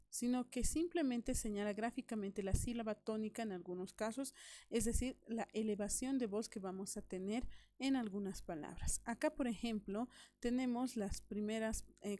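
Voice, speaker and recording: A woman's voice: medium pitch, dark tone, dry recording. A woman teaching a recorded grammar lesson to young pupils, explaining step by step, repeating key points and checking that they follow. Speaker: primary school teacher.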